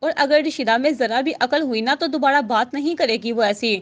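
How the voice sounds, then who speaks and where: A woman's voice: high-pitched, moderate pace, close to an everyday voice. A woman voicing an angry, indignant widowed mother who scolds her daughter, in a storybook reading.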